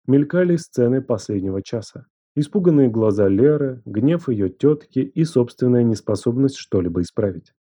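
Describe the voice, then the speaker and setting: A man narrating a first-person audiobook in a measured, even storytelling manner. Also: mid-range voice, husky.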